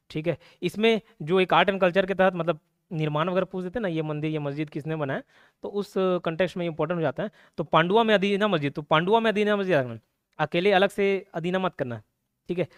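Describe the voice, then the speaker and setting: A man's voice: a little high, no room sound. Chatty male coaching teacher, dry sound. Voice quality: chatty, repeats check-ins like "okay" and "clear". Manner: playful mnemonics, laughs at own jokes. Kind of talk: casual classroom lecture.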